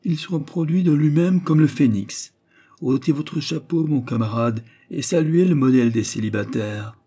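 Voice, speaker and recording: A man reading the part of a gruff, grumbling old male professor who is a confirmed bachelor, in an audiobook. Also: on the high side, moderate pace, mellow, pitched above the performer's own voice. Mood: mocking.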